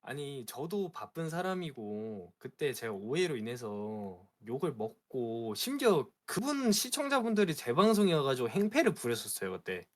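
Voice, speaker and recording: A man, a streamer, telling a story in a casual chat, animated and aggrieved. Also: mid-range voice, normal speed, few pauses. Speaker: streamer guest.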